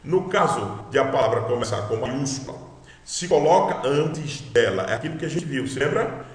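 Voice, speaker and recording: A man gives a recorded lesson, his voice sitting at an ordinary middle pitch. He explains patiently, says words over slowly and keeps checking in with listeners. The room around him rings with noticeable echo. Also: expressive. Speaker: teacher. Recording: roomy echo.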